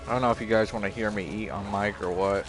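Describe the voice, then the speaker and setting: A man's voice: lowish voice, steady tone, quick pace, music in the background. Profane, rambling male streamer on a headset. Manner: profane, rambling, laughs easily. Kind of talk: casual live-stream chat. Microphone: headset mic close to the face.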